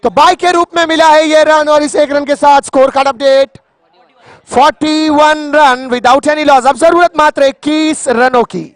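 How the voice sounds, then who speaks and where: A man giving excited live cricket commentary in a theatrical, poetic way, repeating phrases for emphasis. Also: extremely high pitch, a little slow, no echo. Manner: poetic, breaks into recited verse.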